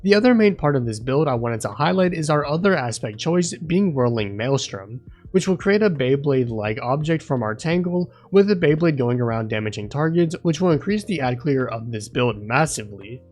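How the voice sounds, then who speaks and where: A man reading a scripted voice-over walkthrough in a steady, explanatory way. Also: mid-range voice, normal speed, hardly any pauses. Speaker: video game guide creator.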